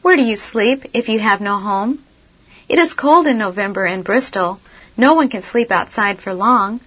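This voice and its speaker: A woman reading the part of an earnest, devout man who cares for orphans, speaking gently and asking one question after another. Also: medium pitch, moderate pace, breathy edge, muffled recording. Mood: concerned.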